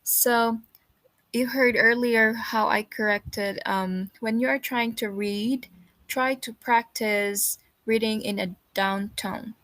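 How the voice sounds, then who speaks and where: A woman's voice: on the high side, fairly even intonation, takes it slowly, a bit bright, dry recording. A woman English teacher giving patient, encouraging feedback to students in an online class over a video call.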